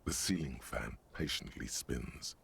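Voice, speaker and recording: A man voicing the narrator of a grim detective game, delivering measured, atmospheric, wry scripted narration. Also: extremely low pitch, creaky, fairly bright tone, a little hiss or hum, heavily acted. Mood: ominous.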